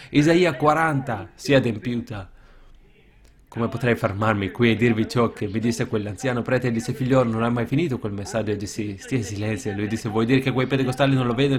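A man preaching a sermon with passion, swinging from loud shouted peaks down to quiet, low asides. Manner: impassioned, rises to shouts then drops low.

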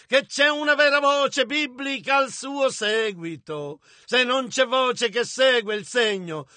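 A man interpreting a sermon with emphasis, at times breaking into shouts. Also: very high voice, no echo.

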